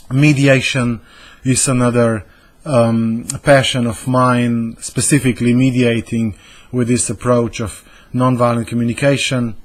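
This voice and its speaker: A man in his fifties from Slovenia with a Slovenian accent, introducing himself as a communication trainer and searching thoughtfully for his words. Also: medium pitch. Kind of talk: personal self-introduction to camera.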